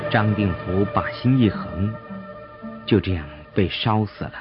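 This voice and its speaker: A man narrating a folk tale in an expressive, dramatic storytelling manner. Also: lowish voice, unhurried. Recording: dull audio with soft music.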